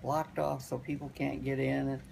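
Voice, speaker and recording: An elderly woman, a grandmother, casually telling family stories in a halting, rambling way and repeating phrases for emphasis. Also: a bass voice, level tone, vocal fry, noisy background. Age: older, grandmother.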